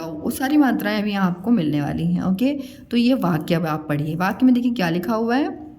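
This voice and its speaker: A woman teaching children to read, stretching each syllable slowly and coaxing the learner as a child, then explaining quickly. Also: medium pitch, a little mellow. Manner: calls the learner beta, coaxing tone. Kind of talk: Hindi phonics lesson for children.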